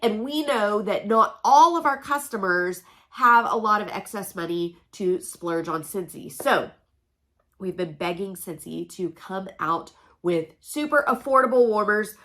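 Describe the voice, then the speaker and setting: A chatty direct-sales consultant from Oklahoma, USA, hosts her channel's casual home unboxing vlog, congested from allergies yet upbeat and folksy. Her medium-pitched voice is expressive, a little slow, and a bit bright. A noisy air conditioner hums in the room.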